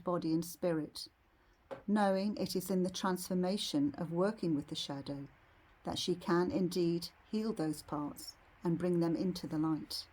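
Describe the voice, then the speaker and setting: Serene lady doing a guided meditation, soft kinda breathy low voice, soothing and unhurried. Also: rough recording.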